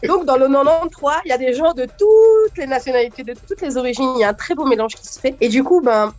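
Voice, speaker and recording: High-voiced, lively French comedian woman. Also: fast talker, muffled recording, soft background music. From France. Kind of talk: radio interview.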